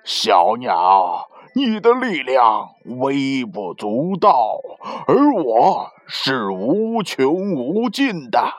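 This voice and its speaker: A woman voicing the living East Sea as a vast, scornful male force, mocking slowly in a storybook reading. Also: very animated, no room sound, heavily acted. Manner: slow, booming, laughing scornfully.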